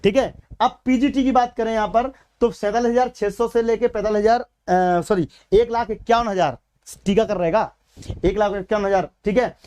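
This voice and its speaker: A man's voice: high-pitched, fairly even intonation, moderate pace, darkish tone, clear, resonant tone. A man with a Madhya Pradesh Hindi accent teaching a live exam-prep class, chatting casually with his students and calling them beta and bhaiya.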